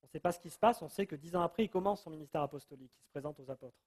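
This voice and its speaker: A man with a fairly high, husky voice teaches from the Bible in a relaxed, chatty way. He tells the passage like a story and acts out each person's lines in turn. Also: racing. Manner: lively storytelling, acting out quoted lines. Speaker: preacher.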